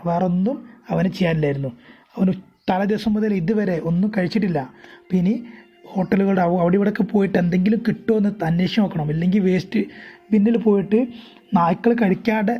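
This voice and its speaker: A woman teacher with a Kerala accent explains an English story, reading lines slowly and then rephrasing them again and again. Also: lowish voice, slightly rough, soft background music. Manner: repeats and rephrases often. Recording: dull lo-fi recording.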